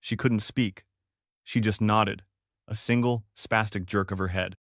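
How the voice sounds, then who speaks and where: Low-voiced man narrating a story. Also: fairly even intonation, a little slow, a bit bright, dry recording, studio quality. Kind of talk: first-person story narration.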